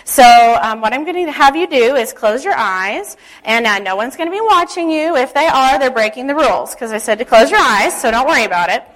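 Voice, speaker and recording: A woman with a slightly high voice speaks as a church leader. She is gentle and instructive, taking her time as she guides listeners through devotional teaching and prayer. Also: animated, fairly quick, hardly any pauses, low-quality recording.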